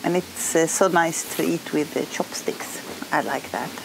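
Swedish lady chatting over dinner on a boat, slow and gravelly, lapel mic. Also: deep voice, noisy background. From Sweden. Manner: relaxed, laughs easily. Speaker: sailing vlogger. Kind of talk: casual chat while cooking and eating. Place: small boat cabin, indoors.

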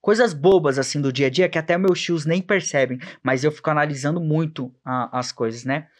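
Animated man telling stories. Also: fairly high pitch, fairly quick. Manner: animated storytelling, acting out quoted dialogue. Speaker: podcast guest. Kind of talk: casual chat.

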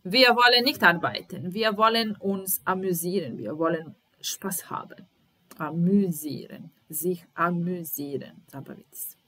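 Lady teaching german real slow, says each line twice then translates, lowish voice. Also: fairly bright tone. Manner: repeats German sentences then translates, patient. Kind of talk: slow language lesson.

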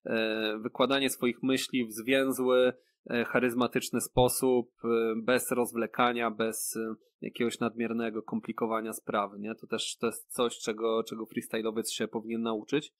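A man's voice: medium pitch, little pitch movement, normal speed. A man, a rapper guest on a podcast, explaining things at length in casual talk with many fillers and tag questions. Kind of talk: casual interview chat.

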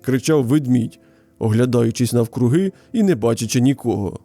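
A man narrating a children's fairy tale in an expressive, dramatic storytelling manner. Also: medium pitch, moderate pace, no room sound. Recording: dry studio voice over faint music.

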